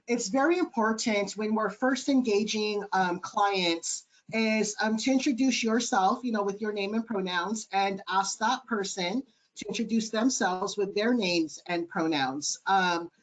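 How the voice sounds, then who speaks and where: On a video call, a webinar panelist with a light, high-sounding male voice answers questions earnestly, using a lot of ums. He speaks a little slowly with a slightly bright tone, and the recording is rough.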